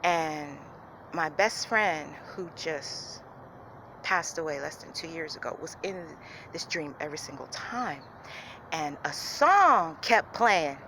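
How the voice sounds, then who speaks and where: A woman's voice: sits low, lively intonation, slow. Woman, casual vlog talk, morning voice, earnest, traffic noise behind. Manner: earnest, confiding, drifts soft and quiet. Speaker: vlogger.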